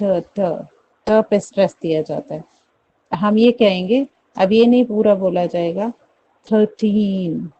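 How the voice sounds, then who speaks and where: A woman from India teaching English pronunciation, slowly repeating each word and checking in with her students again and again. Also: medium pitch, warm tone, dull audio, slight background noise. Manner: repeats words slowly, checks in with "theek hai?". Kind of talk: classroom pronunciation lesson.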